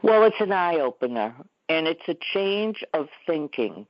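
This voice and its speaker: A woman's voice: deep voice, very animated, a little slow, dry recording, muffled recording. A woman in her seventies, a talk show guest telling stories in a chatty way. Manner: chatty, storytelling. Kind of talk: interview conversation. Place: Florida.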